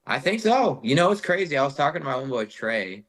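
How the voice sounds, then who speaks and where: A young man, a metal vocalist guesting on a podcast, telling stories in a casual, animated and profane way, saying "bro" constantly. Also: medium pitch, fast talker. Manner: animated profane storytelling, says "bro" a lot. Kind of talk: casual chat.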